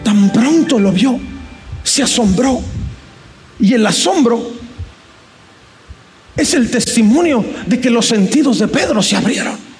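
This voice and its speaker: A man's voice: very high voice, expressive, measured pace, long pauses, darkish tone. A man preaching a sermon with passion, asking rhetorical questions and repeating key phrases. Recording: faint music behind.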